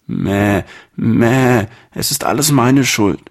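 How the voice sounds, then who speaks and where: A man's voice: medium pitch, slow, voice pushed up. A man doing a bleating, sorry little lamb. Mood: remorseful, pleading. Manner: bleating, pleading and apologetic. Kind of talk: storybook reading.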